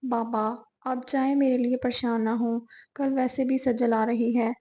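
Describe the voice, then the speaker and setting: A woman voicing a young woman heroine who talks softly to her father and friend. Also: a little high, level tone, unhurried, natural voice.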